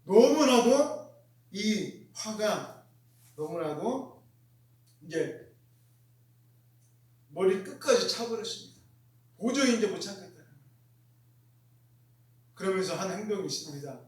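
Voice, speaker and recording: A man's voice: high-pitched, big pitch swings, unhurried, long pauses, darkish tone. A man preaching a sermon with emphatic repetition, putting questions to the congregation. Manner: emphatic, repeats key phrases, asks the congregation questions. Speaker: pastor. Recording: very echoey room, mic far off.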